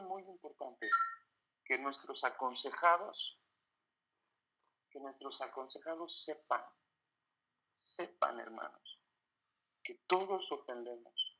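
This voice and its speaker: Husky preacher, dull lo-fi sound. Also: male voice, mid-range voice, bright, forceful tone. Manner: earnest, asks rhetorical questions, addresses listeners as brethren. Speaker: preacher and biblical counselor. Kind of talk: sermon.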